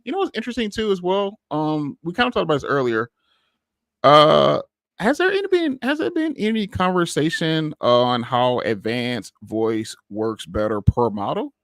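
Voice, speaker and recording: Male podcast host, animated pitch, casual rambling chat, dry close mic. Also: normal speed, no room sound. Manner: relaxed, rambling, with many fillers and restarts.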